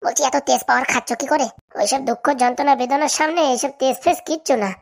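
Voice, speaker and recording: A woman voicing a simple-minded young village man, an excitable cartoon sidekick. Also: sits high, fast, creaky. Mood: excited. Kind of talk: comedy cartoon dubbing.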